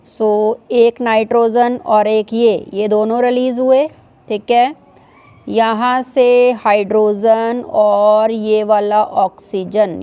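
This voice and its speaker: Woman teacher, mellow tone, slightly high voice, classroom dictation. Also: smooth, dry recording. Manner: dictates slowly in English, then explains quickly in Hindi. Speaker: chemistry teacher. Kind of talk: classroom lecture dictating notes.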